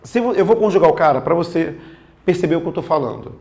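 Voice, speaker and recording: A man's voice: on the high side, lively intonation, fast talker, vocal fry, a little mellow. A man teaching a grammar lesson for exam prep in a casual, slangy way, often checking in with his students.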